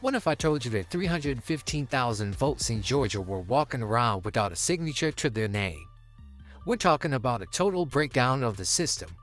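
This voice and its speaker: American man, exposé host, folksy slang, suspense-teasing delivery, highly animated intonation, faint music behind. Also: brisk. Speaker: commentary video host. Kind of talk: dramatic exposé commentary.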